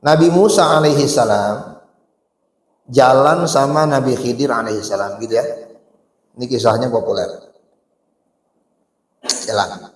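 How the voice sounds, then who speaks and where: Recorded with the echo of a large hall, a man delivers a relaxed Islamic sermon full of stories, rhetorical questions to the audience, and Arabic recitation in a colloquial style. He speaks at medium pitch, unhurriedly, pausing often.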